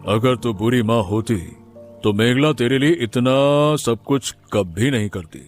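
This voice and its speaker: A man voicing a kindly, wise neighbour uncle in an animated story, gentle and consoling. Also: mid-range voice, a little slow, faint music behind, close to an everyday voice. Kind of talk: Hindi cartoon voice acting.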